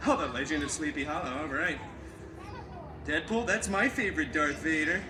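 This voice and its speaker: On a live theme park stage, a man performs as a campy, vain, wisecracking masked antihero, telling a story to children with theatrical flair and sarcastic asides. His voice is on the high side yet close to his everyday register, and his wry, sarcastic delivery swoops between drama and quick crowd banter. The echoey live recording has loud music behind him.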